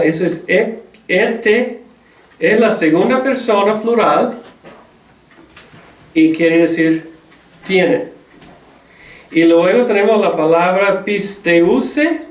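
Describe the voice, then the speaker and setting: A man teaching a Greek lesson, patiently drilling word forms with many drawn-out "ah" fillers. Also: sits high. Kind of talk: slow spoken language lesson. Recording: echoey room, voice far from mic.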